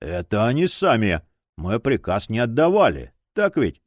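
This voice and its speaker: A man's voice: lowish voice, wildly swooping pitch, normal speed, no room sound, studio quality. A man voicing a smug adult male cult leader who gives orders and mocks others in an audiobook. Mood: mocking. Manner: mocking, smug.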